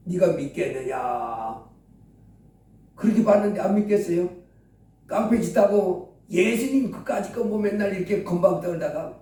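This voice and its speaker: A man preaching a sermon, telling a story with animated quoted voices. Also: very high-pitched. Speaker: pastor. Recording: echoey room from a distance.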